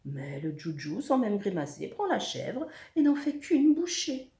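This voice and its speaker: A teacher reads a story to children, her voice rising and falling with lively expression. She drops to a hush at tense moments. The room is echoey. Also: mid-range voice, unhurried. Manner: expressive, dropping to a whisper for suspense. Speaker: schoolteacher. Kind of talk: reading a story aloud to children.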